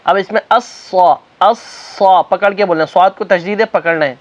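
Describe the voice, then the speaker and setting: A man with a high voice teaches the call to prayer. He alternates quick spoken explanation with slow, drawn-out chanted demonstrations. The recording sounds dull and lo-fi. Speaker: religious teacher. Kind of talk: recitation lesson.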